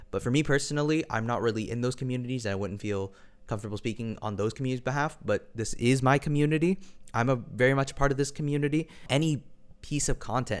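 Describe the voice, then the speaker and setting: This man's opinion monologue, given as an online video commentator, is measured and full of personal qualifiers that hedge his points. He speaks on the low side with a clean tone.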